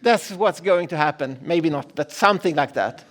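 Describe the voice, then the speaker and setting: A middle-aged man delivers a conference keynote in a large room. His voice sits fairly high for a man, and he tells stories with dry, self-deprecating humor, stumbling over and restarting his sentences as he goes. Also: moderate pace, a bit bright. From Sweden. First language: Swedish. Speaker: keynote speaker.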